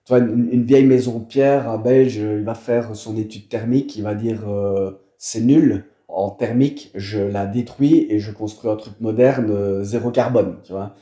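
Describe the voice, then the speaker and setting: Un homme originaire de Wallonie avec un accent belge, invité d'une discussion détendue, qui parle avec beaucoup d'hésitations et de répétitions. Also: male voice, fairly low pitch, steady tone, normal speed, hardly any pauses, mellow, roomy sound. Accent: Belgian French. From Wallonia, Belgium. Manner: hesitant, many fillers and repeated words. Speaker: guest. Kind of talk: casual conversation.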